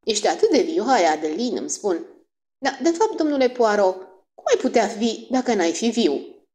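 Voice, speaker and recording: A woman voicing a fussy, self-absorbed middle-aged wife with a strident, shrill voice and a gushing, self-dramatizing manner, in an audiobook. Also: big pitch swings, darkish tone, close to an everyday voice.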